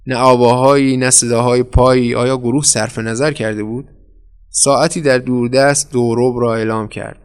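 Male storyteller, steady mid voice, measured dramatic narration. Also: medium pitch, clean tone. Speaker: audiobook narrator. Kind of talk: scripted narration.

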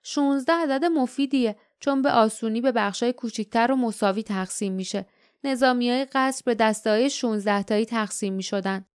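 A woman's voice: fairly high pitch, smooth, lightly acted. A woman reading the lines of a grumbling grown man, a former palace guard, in an audiobook. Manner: mutters, thinks aloud. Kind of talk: audiobook character voice.

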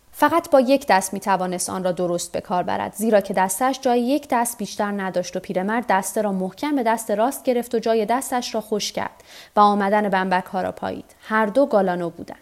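A woman narrating a novel for a nightly story podcast in a calm, measured reading. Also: mid-range voice. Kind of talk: scripted narration of a translated novel.

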